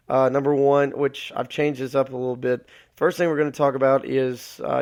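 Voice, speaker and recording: A man from Alabama, hosting a solo live podcast, losing his voice and rambling with many filler words. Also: medium pitch. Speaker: podcast host.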